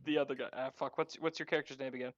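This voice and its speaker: A man's voice: medium pitch, fairly even intonation, rapid-fire, dull audio. A man playing a tabletop game, talking in a blunt, sarcastic way. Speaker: player. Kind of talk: casual tabletop game play.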